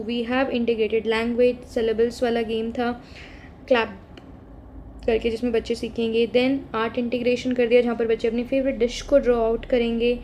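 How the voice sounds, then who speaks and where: A woman's voice: on the high side, dark tone, a little hiss or hum. A woman with an Indian accent explaining a lesson plan step by step, switching between Hindi and English. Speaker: teacher trainer.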